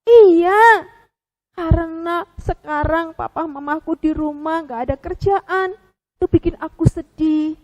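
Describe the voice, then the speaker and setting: A woman voicing a sad little penguin puppet in a children's story, talking softly and slowly, on the edge of tears. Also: very high voice. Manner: soft, quiet and slow, breaking into sobs.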